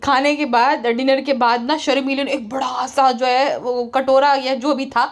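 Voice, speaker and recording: High-voiced woman, sarcastic gossip commentary. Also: flat delivery, a little slow. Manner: mocking, scornful, mimics people she criticizes. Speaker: online commentator.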